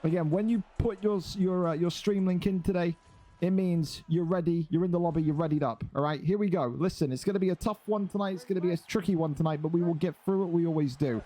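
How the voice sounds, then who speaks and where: A man's voice: sits high, fast talker, dark tone. Exasperated man ranting on stream. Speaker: stream host and fight commentator. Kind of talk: casual live-stream commentary.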